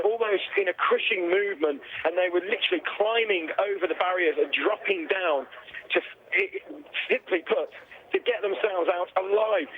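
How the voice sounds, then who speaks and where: An English man working as a radio reporter, giving an eyewitness news account over a phone. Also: high voice. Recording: tinny, narrow phone line.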